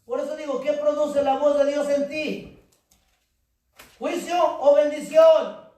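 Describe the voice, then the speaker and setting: High-voiced pastor preaching in an echoey hall. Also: male voice, fairly even intonation, slow pace. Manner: preaching with rising shouts and call-and-response. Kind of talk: sermon. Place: church hall. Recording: very echoey hall, mic far off.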